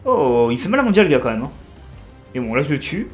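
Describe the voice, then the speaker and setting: Excitable young man narrating a game. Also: mid-range voice, fairly quick, faint music behind. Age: 20s. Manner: excitable, talks to viewers. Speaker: let's play streamer. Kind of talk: casual gameplay commentary.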